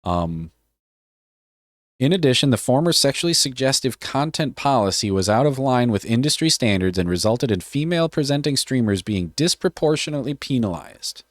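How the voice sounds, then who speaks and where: Brisk and animated, a man with a mid-range voice reads a policy aloud on his live stream, joking casually with chat and often swearing. There's no echo, just clean studio sound. He keeps things offhand and jokey, swearing without restraint.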